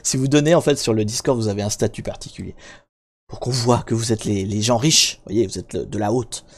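A man's voice: lowish voice, brisk. A man hosting a hacking live stream, talking casually and rambling, with lots of fillers and restarts, and joking directly with his viewers. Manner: jokey, talks directly to viewers.

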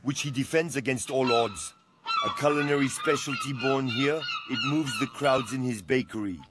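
A man narrating a food documentary in a measured, scripted way. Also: medium pitch, very noisy. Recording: voice-over with music behind.

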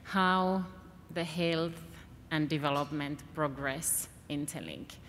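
A woman's voice: low-pitched, slow, fairly bright tone, a little hiss or hum. A woman from Finland answering a question on a conference panel, earnest and often repeating words as she thinks, speaking into a table microphone in a large hall. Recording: reverberant hall, faint ambience.

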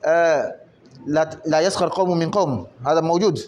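A man's voice: on the high side, fairly quick, darkish tone, muffled recording. A male teacher reading a story aloud line by line and explaining it patiently, often asking the listener whether they follow. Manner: patient, explanatory, asks rhetorical questions to check understanding.

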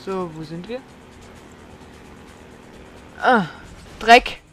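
A woman's voice: medium pitch, drawn-out words, fairly bright tone, soft background music. A woman giving blind let's play commentary, swearing, exclaiming and scolding the enemies aloud.

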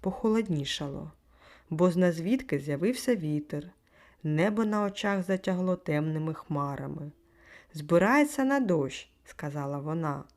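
Female audiobook narrator, low and grainy, acts out the dialogue. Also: a little mellow. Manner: acts out the dialogue, raising pitch for quoted lines.

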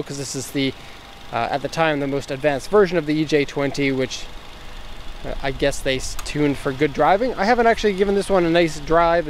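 A man with a slightly higher than usual voice strolls around a car outdoors and talks it through in a loose, unscripted way, pausing with fillers as he thinks. Faint street ambience sits behind him on a handheld camera mic. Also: a little hiss or hum. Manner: easygoing, thinks aloud with fillers and restarts. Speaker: car importer reviewing an auction car. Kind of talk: casual walkaround car review. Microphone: handheld camera mic, filming himself off-camera.

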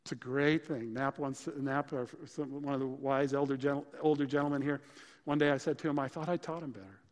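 A male pastor preaching a sermon, listing his points in a punchy, lively way. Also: medium pitch, moderate pace, in a large hall. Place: church sanctuary.

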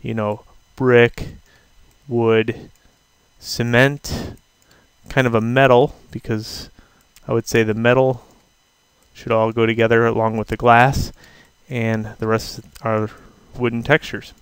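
A man teaching a software tutorial over a screen recording, talking casually and thinking aloud with fillers. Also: mid-range voice, little pitch movement, takes it slowly, clean tone, dry recording. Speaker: instructor.

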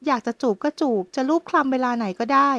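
A woman's voice: sits high, steady tone, fairly bright tone, no echo. Woman voicing a fiery proud young beauty queen. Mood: indignant. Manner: indignant, scolding, quick to anger.

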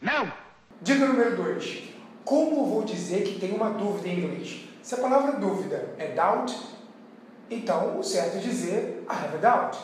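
A man with a Brazilian Portuguese accent gives a casual video lesson in a higher-pitched voice. He explains in a chatty way and keeps checking in with the listener. The sound is roomy and echoey, as if he stands back from the mic, with a faint hiss underneath. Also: lively intonation, normal speed, darkish tone. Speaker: English teacher. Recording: very echoey room, far from the mic.

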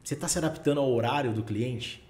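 A man's voice: mid-range voice, fast, a little mellow. A man hosting a podcast, giving practical advice in a coaching tone and stacking rhetorical questions. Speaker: podcast host. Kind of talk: casual podcast chat.

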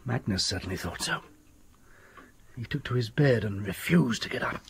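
An actor playing a haunted, desperate older doctor in a radio drama, telling things in a halting, theatrical way with a husky, creaky voice. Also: male voice, medium pitch, lively intonation, exaggerated voice. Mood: fearful, haunted.

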